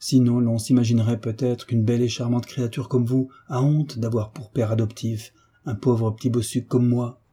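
A man reading the part of a kind, fatherly hunchbacked nobleman in a gentle, coaxing way. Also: mid-range voice, steady tone, moderate pace, husky, close to an everyday voice. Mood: coaxing, tender.

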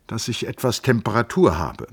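A stubborn young engineer, voiced by a man reading a novel aloud, pedantic and faintly mocking as he argues his point. The voice sits higher and brighter than the reader's own low narration, with a husky grain underneath. It is the measured sound of a literary audiobook. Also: sing-song, full character voice. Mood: insistent, mocking. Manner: precise, argumentative, slightly sluggish.

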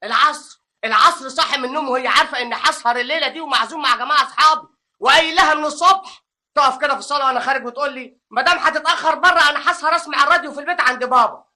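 An actor playing a hotheaded, defiant young husband with an Egyptian accent, sulky and sharp in radio drama acting. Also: male voice, very high-pitched, very fast, exaggerated voice. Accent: Egyptian Arabic.

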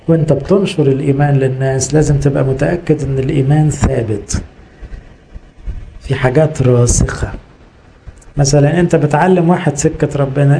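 Man, Egyptian accent, priest's sermon, gravelly fry, dark mellow tone, repeats and asks rhetorical questions. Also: on the high side, slight background noise, poor audio. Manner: exhorting, repetitive, rhetorical questions.

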